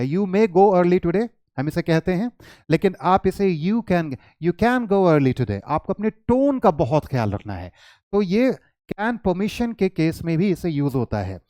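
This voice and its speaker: A man teaching English grammar, explaining in Hindi and reading English example sentences slowly with stress. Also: fairly high pitch, darkish tone, dry recording.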